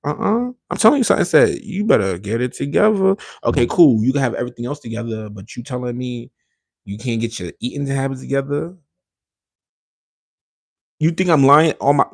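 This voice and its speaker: Gravelly, husky man chatting casually. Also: medium pitch. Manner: rambling, animated storytelling with slangy asides and quoted voices. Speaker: podcast host. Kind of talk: casual solo podcast chat.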